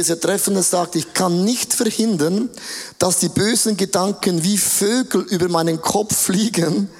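A man preaching a sermon, animated, drawing out key words for emphasis and acting out quoted voices. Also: sits high. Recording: long hall reverb.

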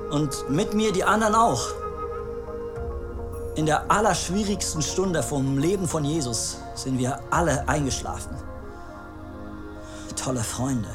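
Slow and earnest, the remorseful apostle James recounts that night, as a man acts him out in a fairly high voice. Music plays clearly beneath his words throughout. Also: close to an everyday voice. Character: remorseful male disciple James, adult. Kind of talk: staged dramatic monologue. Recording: music playing underneath.

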